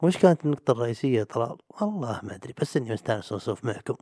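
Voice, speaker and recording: A man's voice: mid-range voice, expressive, very fast, mellow, no echo, clean studio sound. A young man, hosting a solo podcast in a rambling, chatty, self-mocking way. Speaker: podcast host. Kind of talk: solo casual podcast monologue.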